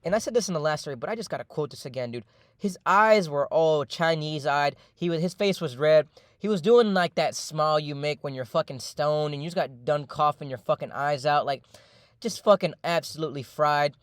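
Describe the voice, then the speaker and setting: A young man tells a personal story in casual voice-over, rambling and full of slang, profanity and fillers. He talks fast in a slightly high voice. The sound is dry and close. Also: no echo.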